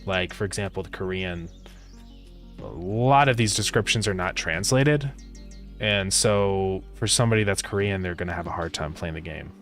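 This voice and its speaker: A man with a deep, low voice talks casually through a game-development stream. He thinks aloud and answers viewers' messages with easygoing fillers. Faint music plays underneath. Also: normal speed, fairly bright tone. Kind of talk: casual live-stream chat while coding.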